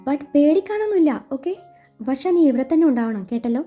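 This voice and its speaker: Woman reading a reassuring young doctor, calm, higher voice. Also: fairly quick. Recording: muffled recording with soft music.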